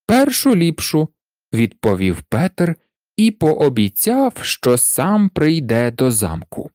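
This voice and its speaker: Slow, expressive fairy-tale narrator. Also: mid-range voice, no echo, studio quality. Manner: expressive, unhurried storytelling. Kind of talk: storybook reading.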